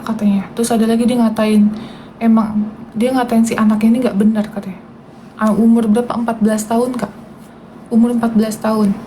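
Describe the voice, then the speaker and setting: A woman's voice: on the high side, dark tone, slight background noise, poor audio. Indignant woman chatting to viewers. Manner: indignant, talks straight to viewers. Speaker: livestream host. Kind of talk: casual livestream chat.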